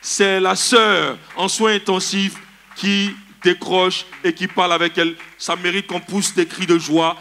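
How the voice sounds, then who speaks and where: Fervent high-voiced pastor. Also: male voice, level tone, a little slow, vocal fry, bright, forceful tone, slight background noise. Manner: fervent, exclaiming, leads cheers. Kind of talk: church testimony service. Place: church service.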